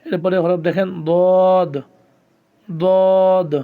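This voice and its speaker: A man with a high-sitting voice gives a Quran lesson on the Arabic letters at a normal pace with little pitch movement. He patiently sounds out each letter and repeats it for learners, step by step and slowly. The audio has phone-quality sound.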